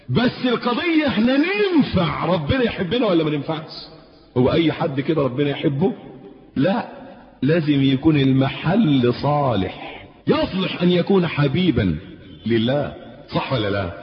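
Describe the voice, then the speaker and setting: A man preaching a sermon in Egyptian Arabic, telling stories with sudden loud peaks and slow drawn-out emphasis. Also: a little high, big pitch swings, in a large hall, muffled recording.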